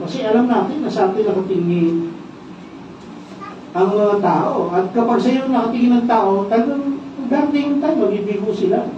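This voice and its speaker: High-voiced Filipino pastor in an echoey church. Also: male voice, mellow, slight background noise. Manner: asks the congregation questions, tags lines with "no?". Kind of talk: sermon. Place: church worship service. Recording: echoey, distant and dull church sound.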